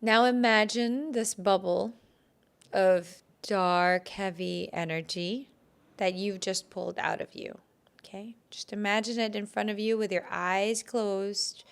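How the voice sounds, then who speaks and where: A woman hosting a solo podcast, leading listeners through a guided visualization in a gentle, instructive way, repeating phrases with growing emphasis. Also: medium pitch, fairly even intonation, measured pace, gravelly, clean tone. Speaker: podcast host.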